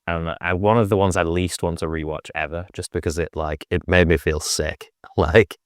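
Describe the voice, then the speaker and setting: A man's voice: low voice, fairly even intonation, normal speed, no echo, clean studio sound. A man casually talking about films on a podcast, rambling with many fillers and restarts. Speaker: podcast host. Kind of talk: casual film chat.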